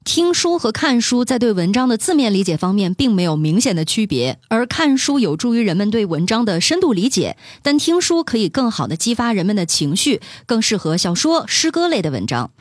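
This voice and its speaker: A woman's voice: fairly high pitch, very animated, a little fast, hardly any pauses, no echo, studio quality. A woman co-hosting a casual science podcast, talking things through with small anecdotes. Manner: chatty, explains with small anecdotes. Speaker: podcast co-host.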